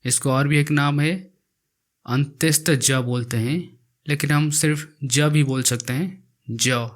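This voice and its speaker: Leading a slow alphabet lesson, a male language teacher uses a steady, rather high voice. He repeats each letter twice as he slowly writes it, explaining the way to form it.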